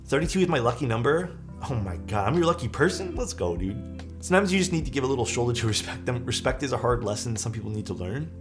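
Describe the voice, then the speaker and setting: A man's voice: medium pitch, animated, fast talker, over music. A man in his thirties chatting casually on a livestream, venting and rambling with many fillers and some swearing. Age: 30s. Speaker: keyboard-building streamer. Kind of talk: casual livestream chat reading viewer comments.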